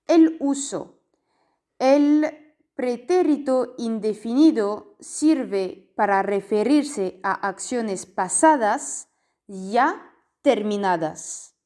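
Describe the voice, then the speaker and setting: Slow, careful woman teaching a lesson. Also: a little high, dark tone. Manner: slow, careful, spells out endings and repeats key forms. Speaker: Spanish teacher. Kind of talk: language lesson explained in French.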